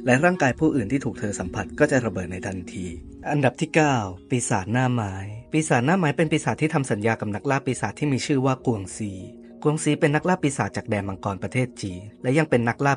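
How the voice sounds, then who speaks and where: A man giving scripted voice-over narration, reading out a ranked list in a steady, informative way. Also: medium pitch. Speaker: channel host.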